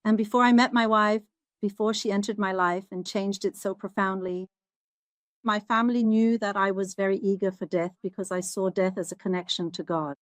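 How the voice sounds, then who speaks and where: A woman's voice: medium pitch, fairly even intonation, moderate pace, no echo. A woman earnestly recounting a personal experience in the first person, turning emphatic when she repeats what she said. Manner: earnest, rising to emphatic when quoting herself. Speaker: guest recounting a near-death experience.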